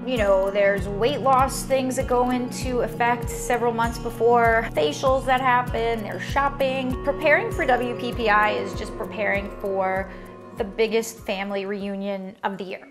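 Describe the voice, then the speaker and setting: A woman talks lightly and breezily, her voice sitting fairly high. Music plays behind her. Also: fairly even intonation, unhurried. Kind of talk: casual documentary interview.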